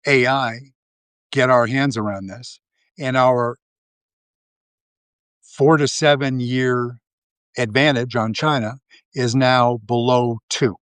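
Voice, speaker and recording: On a dry recording, a man with a medium-pitched voice hosts a live video. His casual commentary wanders, full of filler words and false starts.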